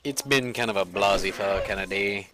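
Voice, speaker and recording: A man's voice: on the low side, fairly quick, noisy background. A man giving rambling, self-mocking, casual commentary while he plays a video game. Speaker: let's play gamer.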